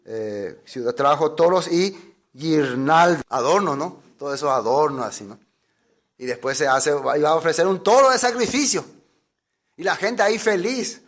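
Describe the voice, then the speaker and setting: A man with a high-pitched voice preaches a sermon. He speaks emphatically and keeps asking his congregation questions. He briefly acts out the voices of the people he quotes. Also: lively intonation, normal speed, fairly bright tone. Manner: emphatic, asks the listeners rhetorical questions. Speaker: pastor.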